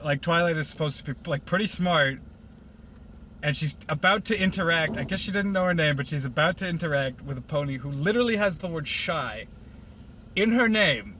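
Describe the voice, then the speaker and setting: A man rambles through a sarcastic, casual retelling, full of fillers. His voice is bright and slightly high. A faint car hum sits behind him.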